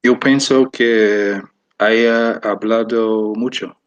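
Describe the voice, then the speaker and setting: Hesitant, low-voiced man student. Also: fairly even intonation, very slow, dull audio. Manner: hesitant, repeats phrases to check them. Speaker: language student.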